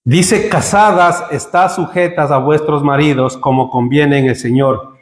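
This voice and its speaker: A man preaching a sermon to his congregation, joking with them and building to emphatic high peaks. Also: measured pace. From Spain. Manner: humorous, rising to emphatic peaks. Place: church hall. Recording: echoey church hall.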